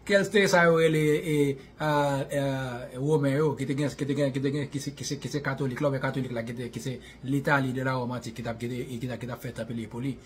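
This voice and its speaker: A man's voice: medium pitch, little pitch movement, quick pace, hardly any pauses, a little hiss or hum. A man with a Haitian Creole accent giving an impassioned monologue, repeating himself, restarting phrases and asking rhetorical questions.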